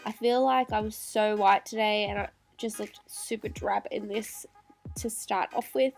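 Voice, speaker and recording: A woman's voice: medium pitch, fairly even intonation, measured pace, vocal fry. A woman with a nasal, stuffy voice from a cold, talking through a makeup tutorial. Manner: chatty, apologetic asides. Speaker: beauty vlogger. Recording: faint background music.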